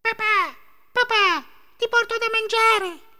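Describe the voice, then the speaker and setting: A man voicing a tiny newborn chickpea boy from a folk tale, with a squeaky, tiny voice. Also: slow, sharp tone, long reverb tail, exaggerated voice. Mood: calling.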